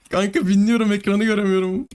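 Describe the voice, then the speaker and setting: A man giving live gameplay commentary, excitable, pleading with the game and cursing at it. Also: high-pitched. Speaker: gaming YouTuber.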